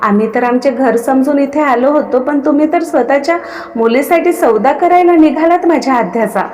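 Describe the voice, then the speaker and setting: A woman's voice: high voice, normal speed, a little mellow, natural voice. Indignant protective brother, voiced by a woman. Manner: firm, indignant. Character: loyal protective elder brother, young man. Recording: long reverb.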